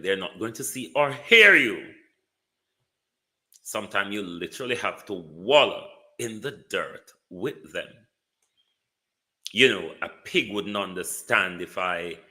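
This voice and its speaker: Bright, forceful low-voiced Jamaican man. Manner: theatrical, indignant, swinging between calm and heated. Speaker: live-stream political talk show host. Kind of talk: live political commentary to viewers.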